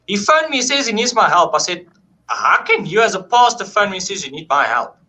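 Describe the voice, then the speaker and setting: Bright-voiced man telling a ghost story. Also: high voice, fairly quick, low-quality recording. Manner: animated, acts out quoted dialogue, swears freely. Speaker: paranormal investigator telling a story. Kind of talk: casual storytelling.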